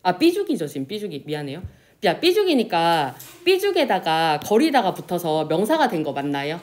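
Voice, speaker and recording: Lady teacher walking a class thru spelling rules, pitch bouncing all over, stretches out example words. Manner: lively, pronounces example words slowly and drawn out; asks the class questions and answers them herself. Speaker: Korean language teacher. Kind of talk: classroom lecture.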